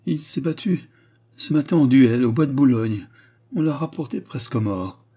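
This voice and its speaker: A man's voice: medium pitch, animated, normal speed, mellow, slightly rough, voice pushed up. A man reading aloud voices a languid, gossiping widow in her thirties, who speaks in a plaintive, sighing, theatrical way.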